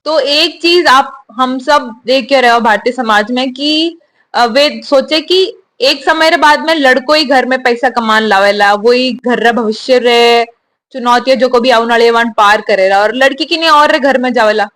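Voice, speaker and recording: A young woman with a bright, high voice answers interview questions. She speaks in a steady, earnest way and gives advice. Her tone is sincere and unhurried. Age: young adult. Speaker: newly commissioned army officer, interviewee.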